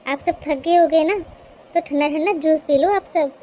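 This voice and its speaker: Meek young daughter-in-law in a cartoon, very high pitch, soft polite delivery; voice actor. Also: moderate pace, slight background noise, lightly acted. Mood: gentle.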